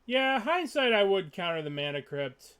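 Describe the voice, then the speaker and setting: A man's voice: high-pitched, big pitch swings, moderate pace, fairly bright tone, clear, resonant tone. A man casually thinking aloud as he plays a card game, muttering his moves and swearing when frustrated. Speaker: player commentating his own online card game matches. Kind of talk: casual gameplay commentary.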